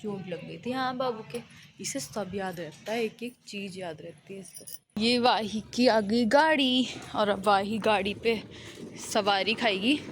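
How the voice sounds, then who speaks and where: A young woman vlogging at home, narrating her day softly and cooing in a high voice to her small daughter. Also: unhurried, a little hiss or hum. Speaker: vlogger mother. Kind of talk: casual family vlog. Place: home courtyard outdoors in the sun.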